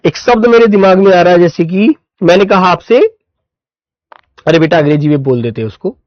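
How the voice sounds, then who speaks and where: Hindi teacher, slow and fatherly. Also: high-pitched, no room sound, dull audio. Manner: dictating words slowly, calling students "beta". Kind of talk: online class lecture.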